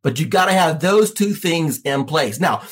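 Male coach, husky and lively, a bit high, pushy straight-to-camera sales pitch. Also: moderate pace. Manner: animated, pushy, direct to viewers. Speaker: real estate coach. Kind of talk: livestream sales coaching talk.

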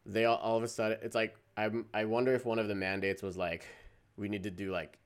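A man's voice: on the low side, level tone, fast talker, smooth. A man co-hosting a podcast in casual chat, rambling, trailing off mid-sentence and laughing often. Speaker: podcast co-host.

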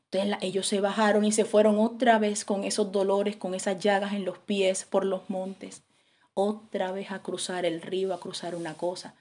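A woman's voice: mid-range voice, level tone, normal speed, darkish tone. Dramatic woman preacher telling a story. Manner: dramatic storytelling with acted-out quotes. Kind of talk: sermon storytelling.

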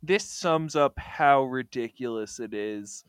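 A man's voice: medium pitch, slow pace, smooth, no echo. A man co-hosting a casual comic book club podcast, joking and enthusiastic about the panels. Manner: joking, enthusiastic, looks facts up mid-chat. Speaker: podcast co-host.

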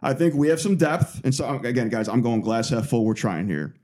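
A man's voice: mid-range voice, lively intonation, fairly quick, a little mellow. A man co-hosting a sports podcast, talking in a loose, rambling way with lots of fillers. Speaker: podcast co-host. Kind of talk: casual sports chat.

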